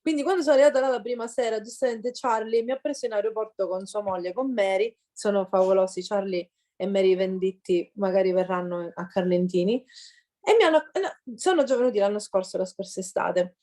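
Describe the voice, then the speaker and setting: A woman's voice: on the high side, a little mellow. A middle-aged woman, hosting and interpreting in a chatty bilingual conversation. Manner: chatty, laughs often. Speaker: host and interpreter, genealogy researcher. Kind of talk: casual bilingual chat, interpreting.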